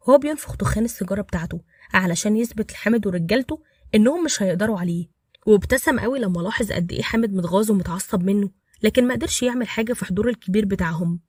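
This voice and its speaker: A woman storyteller with an Egyptian accent reads a scripted romance at a very fast clip. Her delivery is brisk and even, the sound dry and close. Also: mid-range voice, slightly rough, dry recording. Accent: Egyptian Arabic.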